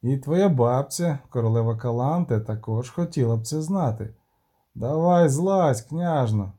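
A man voicing a powerful older bearded druid who speaks in a measured, dry, commanding way. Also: mid-range voice, animated, warm tone, husky. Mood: stern.

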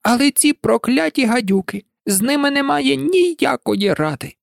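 A reader voicing a frantic, shrill female pigeon who scolds and shrieks in a storybook recording. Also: very animated, moderate pace, gravelly, dry recording, studio quality, exaggerated voice. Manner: scolding, indignant, breaking into cries. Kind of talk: audiobook reading.

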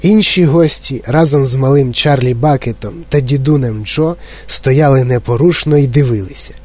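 A man narrating a children's story as an audiobook in a lively, expressive way. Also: medium pitch, moderate pace.

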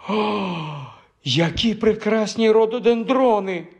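A man's voice: fairly high pitch, big pitch swings, normal speed, dull audio. A man voicing a shy, nervous young woman who speaks with a trembling voice. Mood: excited.

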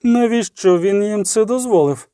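A man's voice: high-pitched, lively intonation, moderate pace, mellow, no echo, studio quality, pitched above the performer's own voice. A man voicing a stern, imperious old queen who commands and scolds in a cold, ruling tone. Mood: furious.

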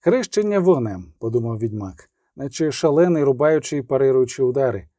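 A man's voice: medium pitch, no echo, studio quality. Man narrating a fantasy audiobook. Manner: steady, measured storytelling.

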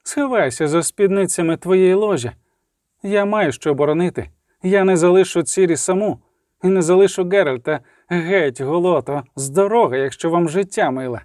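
A man's voice: high-pitched, moderate pace, a little mellow, dry recording, studio quality, voice pushed up, close to an everyday voice. A man voicing a proud, furious sorceress in an audiobook, scornful and commanding. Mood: defiant. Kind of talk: audiobook character voice.

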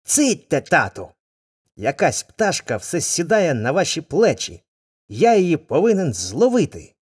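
Запальний сільський хлопчик, якого грає чоловік, що гучно й поривчасто вигукує. Голос високий і напружений, трохи хрипкуватий. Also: male voice, on the high side, very animated, unhurried, husky, no echo, clean studio sound, pitched above the performer's own voice, exaggerated voice. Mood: excited. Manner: shouting, impulsive. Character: rash young peasant boy, loud and excited. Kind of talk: storybook reading.

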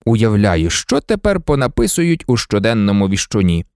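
A man's voice: fairly low pitch, sing-song, moderate pace, a little mellow, clear, resonant tone, no echo, clean studio sound. A man voicing a flustered, blustering male official who grumbles and barks in an audiobook. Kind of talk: audiobook character voice.

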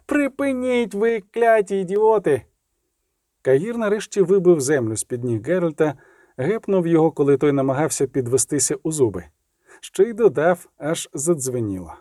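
A man narrating a fantasy audiobook in a steady, dramatic storytelling manner. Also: on the high side, normal speed, no echo, clean studio sound.

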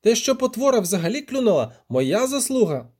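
Dandelion, a man voicing a boastful loud bard. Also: very high voice, sing-song, fairly quick, pitched above the performer's own voice, heavily acted. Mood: indignant. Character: boastful excitable male poet bard. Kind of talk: audiobook character voice.

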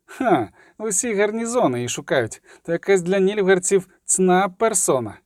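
A man voicing a rough male henchman on horseback, talking in a gruff, excited manner for an audiobook. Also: sits high, moderate pace, no room sound, studio quality, pitched above the performer's own voice.

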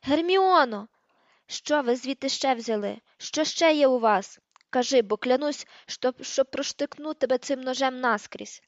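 Woman doing a vicious witch, loud, slow menace, dull lo-fi audio. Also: high-pitched, dry recording. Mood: vicious, shouting. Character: cruel shrieking female witch interrogator. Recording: dull lo-fi recording.

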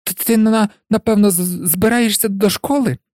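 Man voicing a jittery stammering young teacher for an audiobook, pitched up, dry sound. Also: fairly even intonation, moderate pace, a little mellow, no room sound, lightly acted. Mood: nervous stammer. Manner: stammering, nervous. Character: nervous pale young male professor who stutters.

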